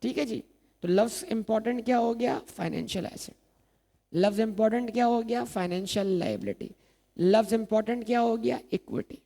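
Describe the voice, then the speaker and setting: A man's voice: sits high, brisk, vocal fry, dark tone. A man lecturing on accounting, asking the class questions and answering them himself while repeating key terms. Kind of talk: recorded exam-prep lecture.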